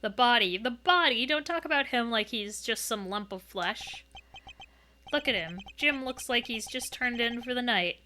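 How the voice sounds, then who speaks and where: A woman's voice: a little high, animated, moderate pace, a little hiss or hum. A woman reading a flamboyant, hot-headed male prosecutor in a game playthrough, big and dramatic in delivery. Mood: anguished. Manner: flamboyant, loud, grandly dramatic.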